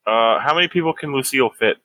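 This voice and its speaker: A man's voice: medium pitch, animated, fast, sharp tone, no echo, poor audio. A man playing a tabletop game, chatting casually and describing what his character does.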